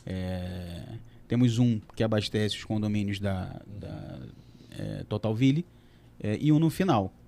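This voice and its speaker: A man representing a water utility, answering audience questions on a panel in a halting way, with many fillers and restarts. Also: on the low side, vocal fry, warm tone, slight background noise.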